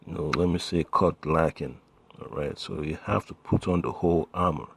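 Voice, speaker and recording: A man gives a casual Bible lesson in a deep, gravelly voice with a husky edge. He talks to his listeners like friends, dropping "man" and "you know" between thoughts. When he quotes scripture, he slows down and grows louder. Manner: reads scripture louder and slower. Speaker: preacher.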